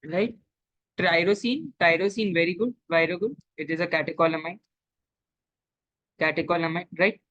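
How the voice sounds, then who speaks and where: A woman's voice: fairly low pitch, normal speed, long pauses, fairly bright tone, dry recording, muffled recording. A woman with an Indian accent teaching an interactive online class, quizzing and praising students and switching between English and Hindi.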